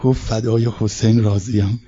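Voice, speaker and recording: A hoarse man preaching at a religious mourning gathering, quietly telling a story and voicing its characters' lines. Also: on the low side, steady tone, noisy background. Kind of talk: mourning sermon storytelling with chanted lament. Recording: dull lo-fi recording.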